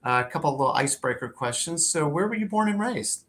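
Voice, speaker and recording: A man's voice: fairly high pitch, animated, quick pace, a bit bright, slight background noise. A man in his fifties hosting an interview over a video call from a home office, upbeat and conversational with a few fillers. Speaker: host. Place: home office with a wooden door. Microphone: webcam on a video call.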